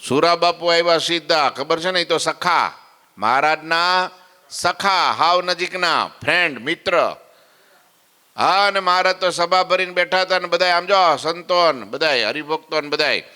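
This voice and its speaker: A man's voice: a little high, unhurried, pushed and bright, clean tone, long reverb tail. A man telling a devotional story as a preacher, acting out the characters and asking listeners questions. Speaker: katha preacher.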